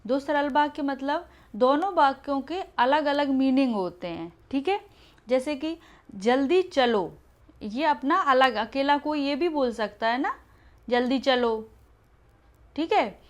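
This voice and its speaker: Woman, teacher, somewhat high pitch, step-by-step exam explanations. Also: animated, takes it slowly. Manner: explanatory, repeats answers, frequent "ठीक है". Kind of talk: exam-prep Hindi grammar lesson.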